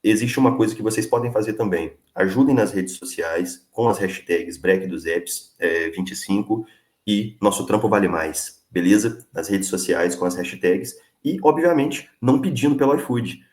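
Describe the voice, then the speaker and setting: A young man with a cold speaks in earnest, plain-spoken phrases full of small fillers. His voice sits very low. The room around him is echoey. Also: normal speed, a little mellow. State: sick with a cold, coughing. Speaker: delivery worker organizer, guest. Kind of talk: casual live interview.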